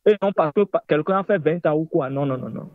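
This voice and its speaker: A man in his thirties calls in to a political talk show, making an impassioned case with insistent, emphatic repetition. His voice is fairly high and brisk, and the call audio is dry, narrow and tinny.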